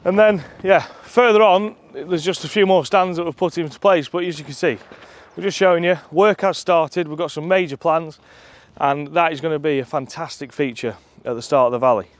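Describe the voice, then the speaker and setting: A man on the high side talks a little fast, barely pausing. Out of breath while walking uphill, he gives a friendly, enthusiastic tour of his shooting ground, um-ing often, as a companion films with a handheld camera; the tour moves outdoors to a clubhouse interior.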